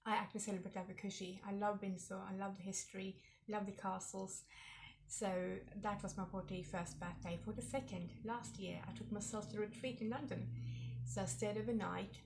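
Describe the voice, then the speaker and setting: A woman's voice: mid-range voice, steady tone, fairly quick, background noise. A woman in her forties hosting her own vlog, telling personal stories in a reflective, chatty way with lots of fillers. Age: 40s. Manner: reflective, warm storytelling with frequent fillers. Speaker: vlog host.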